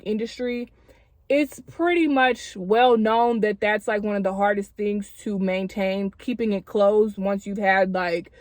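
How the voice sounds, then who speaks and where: A woman's voice: medium pitch, no room sound. A woman talks casually to her viewers as a vlogger, using informal, girlfriend-like slang. She is wearing retainers as she speaks, which slightly impedes her words. The sound is close and dry, with a mid-range voice. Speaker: video creator addressing subscribers. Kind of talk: casual chatty vlog talk to camera.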